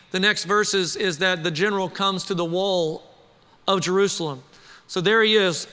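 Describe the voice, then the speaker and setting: A man preaching a sermon to a congregation, animated and conversational, often asking the crowd questions. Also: high-pitched, long reverb tail. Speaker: pastor.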